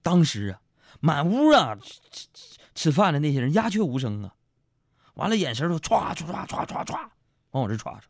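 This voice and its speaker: A man, a radio host telling comic stories in a lively way with asides to his listeners. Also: fairly high pitch, no room sound, clean studio sound. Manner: lively storytelling with quick jokes and asides to listeners. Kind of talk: comic monologue.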